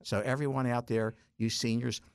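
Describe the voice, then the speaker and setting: A deacon in his sixties from South Jersey in the US, appearing as a guest on a radio talk segment, tells stories in a chatty, self-mocking way, often stumbling and restarting. His medium-pitched voice is creaky yet smooth, level in tone at a normal speed, recorded cleanly in a studio with no echo.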